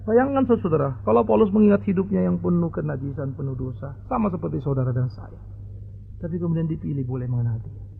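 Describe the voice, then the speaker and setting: A male pastor preaching a sermon in a lively, exclaiming way, often speaking straight to the congregation. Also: fairly high pitch, creaky, a little hiss or hum. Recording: narrow phone-like lo-fi audio.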